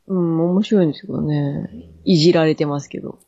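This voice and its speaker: A woman guest in a casual drinking chat, reacting quickly and asking curious questions. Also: low-pitched, steady tone, creaky, dark tone, husky, no room sound, lo-fi sound. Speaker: podcast guest.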